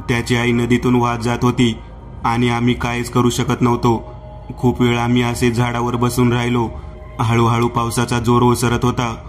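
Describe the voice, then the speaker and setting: Flat-voiced man narrating horror. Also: medium pitch. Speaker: storyteller. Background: soft background music.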